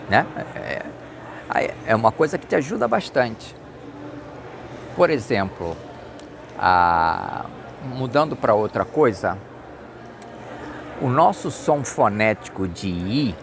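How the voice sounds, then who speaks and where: A middle-aged Brazilian man talks through a casual lesson at a very unhurried pace, his voice sitting a little low. He repeats and spells out words as he goes. The recording is outdoors by a street, with clear traffic noise behind him. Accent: Brazilian Portuguese. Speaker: English tips vlogger.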